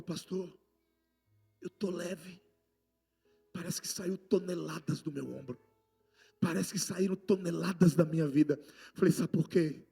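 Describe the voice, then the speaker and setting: A man with a Brazilian Portuguese accent preaching a sermon, passionate and swinging between loud outbursts and hushed lines. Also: on the high side, creaky, breathy edge. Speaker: apostle preaching.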